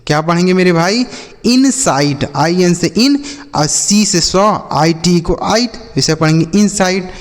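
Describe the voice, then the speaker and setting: A man's voice: high-pitched, a little slow. A male teacher giving a phonics lesson who repeats each answer back in a call-and-response drill and calls his listeners brother and children. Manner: repetitive call-and-response drilling, asks then answers himself; addresses viewers as "my brother" and "children". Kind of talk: classroom-style phonics lesson. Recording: long hall reverb.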